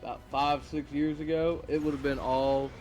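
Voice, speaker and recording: A man's voice: a little high, flat delivery, normal speed, darkish tone, soft background music. Teasing man chatting on a stream. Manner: teasing, dry jokes. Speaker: co-host. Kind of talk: casual gaming stream chat.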